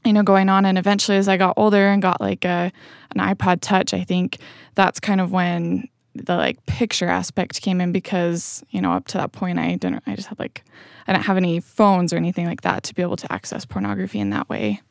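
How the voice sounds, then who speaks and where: A woman's voice: lowish voice, a little fast, vocal fry, dry recording, studio quality. A young woman from Utah, a student and blogger, talking openly and casually as a podcast guest, with lots of "like" and "you know.". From Utah, USA. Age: young adult. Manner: casual, open, frequent "like" and "you know" fillers. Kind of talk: casual interview conversation.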